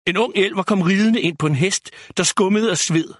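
A man narrating a children's fantasy story in a steady, clear reading. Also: sits high, dry recording, clean studio sound.

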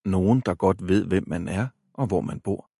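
A man narrating an audiobook in an even, measured way. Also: deep voice, creaky, breathy edge, no echo, studio quality. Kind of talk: scripted narration.

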